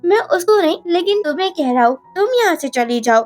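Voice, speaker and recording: A woman's voice: very high-pitched, animated, brisk, faint music behind. A woman voicing a young rich husband who talks in blunt commands. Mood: curt. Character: young rich husband, cold then clingy.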